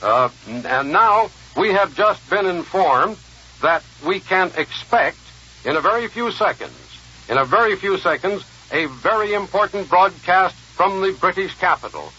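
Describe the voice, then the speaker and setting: A man's voice: high voice, expressive, unhurried, bright, forceful tone, husky. A man reading urgent war bulletins as a radio news announcer in a newsroom studio, with an old 1940s radio broadcast sound and a formal delivery. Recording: dull lo-fi 1940s radio archive.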